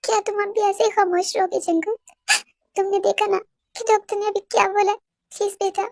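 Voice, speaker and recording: An anxious middle-aged mother, as a woman puts her on pleads and frets over her son. The voice is very high and sounds close and dry. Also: level tone, a little fast, vocal fry, a little mellow, no room sound. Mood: pleading.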